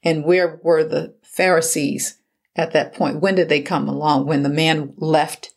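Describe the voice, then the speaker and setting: Woman, low voice, reflective, casual Bible talk. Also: fairly even intonation, a little slow, vocal fry. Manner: thoughtful, wondering aloud. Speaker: Bible study co-host.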